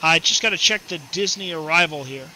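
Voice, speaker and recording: A man casually commenting on his flight simulator session, chatting and laughing easily while reading back radio clearances. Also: fairly high pitch, brisk, sharp tone, slight background noise, rough recording. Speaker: flight sim streamer.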